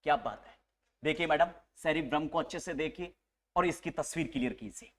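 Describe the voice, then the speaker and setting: A man teaches a live nursing class, his slightly raised voice carrying across the room as he teases and coaxes the students. He drops English medical terms into an animated, joking delivery. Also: on the high side, brisk. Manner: animated, teasing, mixes Hindi with English terms.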